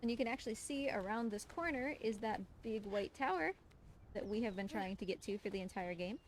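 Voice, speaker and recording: On a clearly noisy stream with game audio in the background, a woman speedruns and hosts, speaking a little fast in an expressive, medium-pitched voice. Her live commentary is casual, explanatory and chatty, directed at her audience and at the creature in the game.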